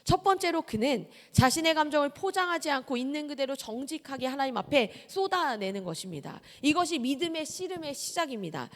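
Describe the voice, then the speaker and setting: A woman's voice: high voice, sing-song, a little fast, few pauses, in a large hall. A woman pastor in her thirties preaching a sermon in a church, telling personal stories in an earnest, confessional way.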